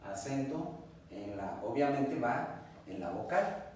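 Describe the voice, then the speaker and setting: A man's voice: medium pitch, very animated, slow pace, darkish tone. A man teaching a grammar lesson at a classroom board, patiently spelling out each verb form step by step. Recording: echoey room, distant mic, faint noise.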